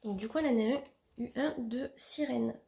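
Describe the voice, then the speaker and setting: Young woman vlogger rambling about gifts, lots of euh, bit of vocal fry. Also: on the high side, moderate pace, warm tone. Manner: chatty, many fillers and restarts. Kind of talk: casual show-and-tell chat.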